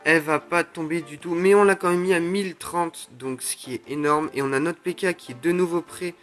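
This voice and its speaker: A young man commenting live on his own mobile game matches, excitable, groaning and exclaiming at each play. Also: a little high, fairly quick. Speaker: gaming YouTuber. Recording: faint music under the voice.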